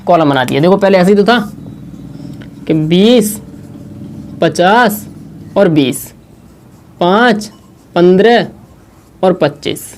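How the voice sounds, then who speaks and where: A man teaching a maths lesson at a board, slowly explaining and repeating, asking questions and answering them himself. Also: high voice, lively intonation, a little hiss or hum. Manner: slow, repetitive explaining.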